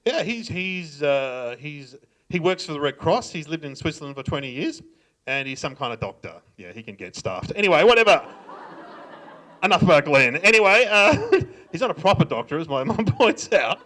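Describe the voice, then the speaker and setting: A man's voice: fairly high pitch, sing-song, normal speed, sharp tone. A middle-aged Australian man telling funny stories at a live stand-up show, laughing and mimicking. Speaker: comedian. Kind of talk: stand-up storytelling. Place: library event room.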